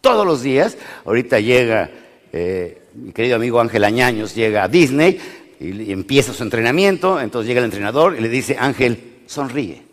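A man with a Mexican accent giving a motivational business lecture to an audience, animated, swinging between loud and hushed, often questioning the crowd. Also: medium pitch, brisk. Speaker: motivational speaker. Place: large lecture hall with audience. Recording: lecture hall reverb.

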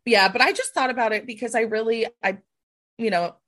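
A woman's voice: fairly high pitch, brisk, fairly bright tone. Chatty woman in her thirties. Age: 30s. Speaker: podcast co-host. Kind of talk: casual chat.

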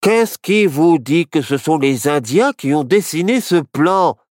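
A man's voice: on the high side, lively intonation, measured pace, no echo, studio quality, voice pushed up. A man voicing a level-headed young man who doubts and protests, in a storybook reading. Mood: skeptical. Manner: reasoning, protesting.

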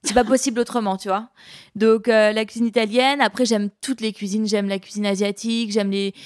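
A woman who cooks Indian food for a living, chatting in an interview and pausing often as she thinks aloud. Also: mid-range voice, dry recording, studio quality. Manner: hesitant, thoughtful, many pauses and restarts. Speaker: chef of Indian cuisine. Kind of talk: casual interview conversation.

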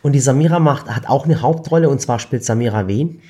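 A woman's voice: extremely low pitch, a little fast, mellow, slightly rough. A woman hosting a casual chat, prompting her guest with questions. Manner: prompting questions, short agreements.

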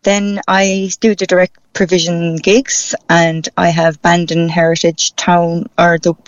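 Interviewed on a radio phone-in, a musician and street performer from Cork, Ireland, chats in an upbeat, colloquial way with a Cork Irish accent. Her voice sits on the low side, her delivery is flat and unhurried, and there's no echo. The phone line sounds dull and band-limited.

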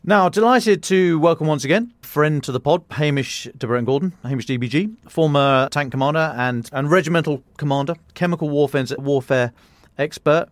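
A British man hosting a podcast interview, conversational and halting, often repeating his words. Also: on the high side, no room sound. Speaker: podcast host.

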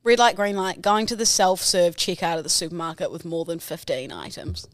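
A woman's voice: fairly low pitch, lively intonation, brisk, no room sound, clean studio sound. A woman bantering casually as a podcast co-host, teasing and blunt.

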